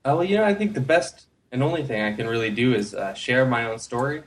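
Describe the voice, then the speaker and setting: A man in his thirties from the United States, a guest telling his own story in a casual interview, relaxed, with many fillers. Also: mid-range voice, fast talker.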